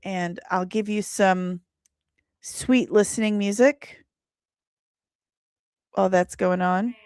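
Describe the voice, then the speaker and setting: A woman's voice: mid-range voice, fairly even intonation, slow pace, a little mellow, clear, resonant tone, dry recording, studio quality. A woman hosting a casual entertainment livestream, chatting playfully and teasingly, often repeating phrases for emphasis. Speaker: livestream host. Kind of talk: casual livestream chat about entertainment news.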